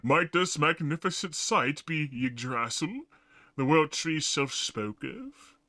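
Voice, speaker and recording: A man's voice: a little high, animated, slow, pushed and bright, no room sound, studio quality, exaggerated voice. A man voicing a self-important, skeptical male scholar in a game, sounding pompous and scoffing.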